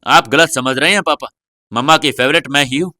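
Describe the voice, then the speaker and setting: Snippy little girl in an audio story, bright and quick, a guy doing her. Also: a little high, no room sound, clean studio sound. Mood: teasing. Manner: bossy, mocking quick retorts. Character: young girl, sharp-tongued and teasing.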